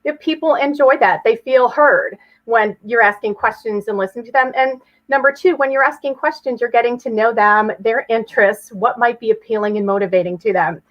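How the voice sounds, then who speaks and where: Higher-pitched woman, chatty explainer, dull audio. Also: brisk, hardly any pauses. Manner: chatty, illustrates with hypothetical examples. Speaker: interview guest, fundraiser. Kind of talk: conversational explaining.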